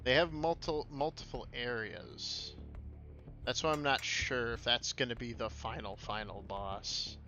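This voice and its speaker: A man's voice: medium pitch, steady tone, unhurried, pushed and bright, lo-fi sound, faint music behind. A young man streaming a shooter game, complaining and swearing as he plays. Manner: profane, complaining, sardonic. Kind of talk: casual gameplay commentary.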